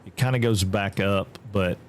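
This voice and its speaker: Casually talking through a live game stream, a Southern-accented man from Georgia reads chat aloud and responds at a moderate pace. He's chatty and drawling, jumps high in pitch when excited, and there's slight background noise.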